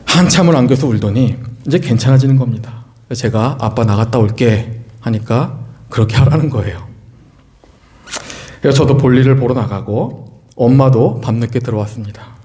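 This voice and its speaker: A middle-aged man preaching in a church. He tells a story about his own children in an earnest, conversational way and often turns to the congregation with questions. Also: normal speed. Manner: earnest storytelling, rising pitch when excited, asks the congregation questions. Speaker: pastor. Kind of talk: sermon with personal story. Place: church sanctuary.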